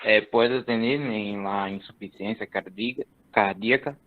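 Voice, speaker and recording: A male student asking a hesitant, halting question during an online class. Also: fairly low pitch, narrow, tinny audio. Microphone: video call over a poor line.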